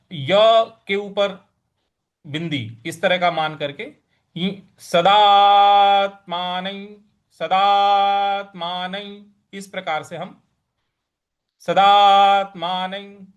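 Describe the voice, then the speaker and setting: Man, teaching scripture recitation, smooth resonant voice, lightly raised pitch, careful syllable drills. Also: a bit bright, highs cut off. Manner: slow, deliberate syllable-by-syllable pronunciation drills; chants verses in a melodic sing-song. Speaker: Gita teacher. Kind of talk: recitation lesson.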